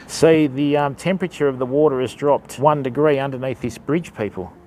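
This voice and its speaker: A middle-aged Australian man talks fairly quickly in a mid-range, slightly mellow voice during a casual fishing live stream from a kayak and riverbank, offering tips and chatting to himself and his viewers as people. It's recorded outdoors on a kayak-mounted action camera with a little hiss or hum.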